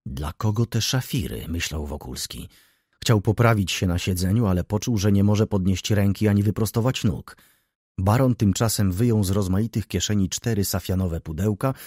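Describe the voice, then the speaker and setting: Husky low-voiced male audiobook narrator. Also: a little mellow, dry recording, studio quality. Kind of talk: audiobook narration of a classic novel.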